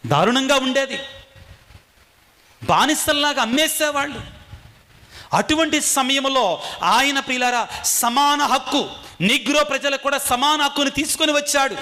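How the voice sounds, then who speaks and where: A man's voice: very high voice, sharp tone. A man preaching a sermon in a call-and-response style, asking his listeners questions and answering them himself.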